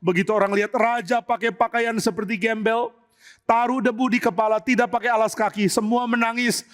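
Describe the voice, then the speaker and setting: Animated, high-voiced male preacher. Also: brisk. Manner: animated, vivid storyteller. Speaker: pastor. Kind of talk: sermon, dramatic Bible storytelling.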